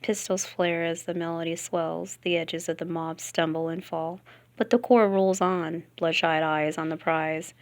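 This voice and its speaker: A woman reading a novel aloud, softly and often half-whispered. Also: lowish voice, steady tone, measured pace. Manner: soft, half-whispered reading with giggles at slips. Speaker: reader.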